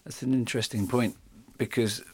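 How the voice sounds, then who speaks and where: A man hosting a radio interview, asking measured, thoughtful questions. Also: medium pitch, steady tone, husky, no echo. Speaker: radio show host.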